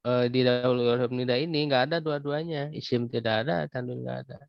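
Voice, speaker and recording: A man teaching Arabic grammar in an online class, explaining patiently and pausing to clear his throat. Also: mid-range voice, steady tone, no room sound. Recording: dull lo-fi video call audio, dry.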